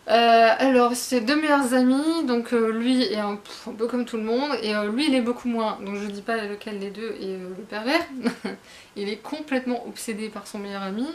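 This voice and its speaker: Chatty, rambling woman reviewing manga. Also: a little high. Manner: rambling and hesitant, many fillers, frank asides; chatty, addresses viewers directly. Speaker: manga reviewer, book blogger. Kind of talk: casual spoken review.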